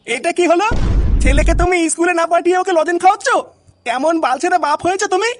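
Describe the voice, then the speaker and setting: A furious cartoon mom, voiced by a performer who scolds in a shrill, very high voice. She is strict and threatening. The audio carries clear background noise. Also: fairly quick. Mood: scolding. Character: strict angry young mother. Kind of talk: comic cartoon voice acting.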